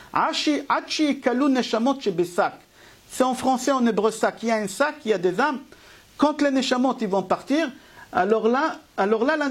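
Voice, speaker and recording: A man teaching a live religious lesson to an online class, emphatic and driving, asking rhetorical questions and answering them himself. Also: very high-pitched. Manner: emphatic, asks and answers his own questions. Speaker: Torah teacher.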